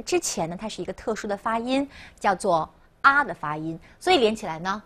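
A woman teaching a language lesson, often slowing down to repeat words for learners to copy. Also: a little high, fairly bright tone. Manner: slow, exaggerated repetition of words for learners. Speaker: French teacher.

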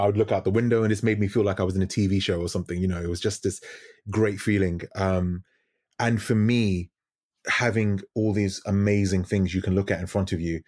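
A man's voice: low voice, a little mellow, husky, no echo, clean studio sound. A man in his thirties, a guest DJ, talking in a casual podcast interview over a video call, reflective and searching for words. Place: home room with lit wall.

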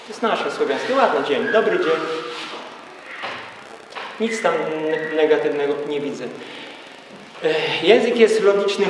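High-voiced man lecturing in an echoey hall. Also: distant mic, noisy background. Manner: emphatic, rhetorical questions. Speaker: speaker at a gathering. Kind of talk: lecture to a live audience.

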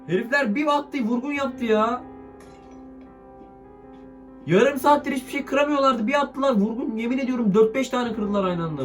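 A man's voice: very high voice, normal speed, pauses often, soft background music. A young man with a sick, strained voice, giving casual commentary over a mobile game and swearing playfully at it.

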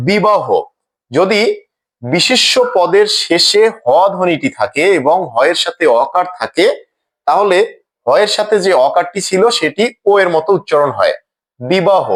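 A man teaching a scripted grammar lesson in a slow, deliberate way, saying each example word twice. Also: high-pitched, fairly bright tone.

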